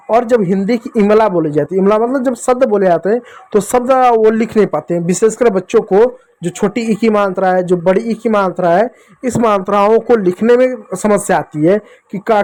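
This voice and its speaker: A man teaching basic Hindi letters to children, patient and repetitive, sounding out each syllable slowly. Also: sits high, a little mellow. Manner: addresses listeners as children. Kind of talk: classroom lesson for children.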